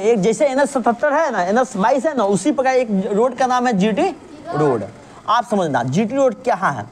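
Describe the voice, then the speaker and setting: A woman teacher with a lilt walks a student through a reasoning lesson. Her pitch swings widely as she drills with call-and-response, asking again and again whether there is any problem. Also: darkish tone, slight background noise. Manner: patient, keeps checking understanding with repeated questions.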